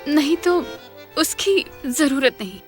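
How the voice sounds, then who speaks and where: A reserved middle-aged mother, as a woman dubs her for a TV drama, measured and questioning in a high voice. Faint music runs underneath. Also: animated. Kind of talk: dubbed TV drama.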